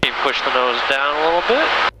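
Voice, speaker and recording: A man piloting a small plane, giving relaxed instruction, radio calls and casual chat over a pilot headset. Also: medium pitch, a little fast. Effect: pilot headset radio sound. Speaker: pilot guiding a passenger at the controls. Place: small airplane cockpit in flight. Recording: loud small-aircraft engine and radio noise.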